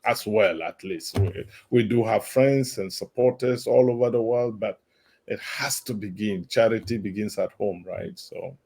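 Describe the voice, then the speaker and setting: A man's voice: on the low side, unhurried, a little mellow, slightly rough. A man presenting in an online meeting, encouraging and emphatic with listeners. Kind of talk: online talk Q&A. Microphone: video call.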